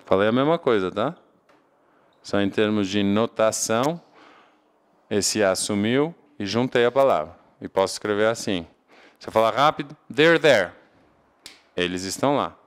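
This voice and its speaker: An English grammar class is taught by a man from Portugal with a European Portuguese accent, who asks questions before answering them himself. His voice is on the low side, smooth and animated, at a moderate pace.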